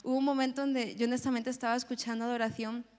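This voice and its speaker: Young woman, earnest sermon, emphatic repetition, high voice, church hall reverb. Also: little pitch movement, fast, darkish tone. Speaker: preacher. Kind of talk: sermon with personal testimony.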